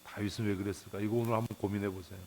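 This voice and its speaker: There's slight background noise as a male pastor races through a Bible devotional in church, his tone level and a little mellow. He speaks bluntly and colloquially, asking rhetorical questions, muttering curses, chuckling, and sometimes jumping up in pitch.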